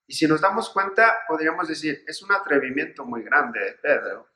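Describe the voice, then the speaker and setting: A man's voice: on the high side, normal speed, pushed and bright, a little hiss or hum. A man speaking as a priest in a sermon-style reflection, earnest and building his points through repeated phrases and rhetorical questions. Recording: echoey room.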